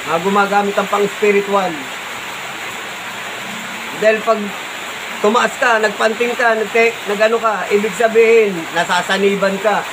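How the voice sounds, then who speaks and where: A man with a Filipino accent answering a critic in his vlog, calm but insistent, repeating his points and tagging "diba?". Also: high-pitched, background noise. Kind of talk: spoken reply vlog.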